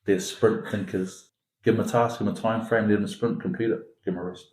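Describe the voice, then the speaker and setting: A man's voice: on the low side, fairly even intonation, fairly quick, a little mellow, reverberant, rough recording. A man from Singapore, founder of an education academy, talking emphatically as a podcast guest and building his points with repeated lines and long metaphors. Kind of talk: conversational podcast interview.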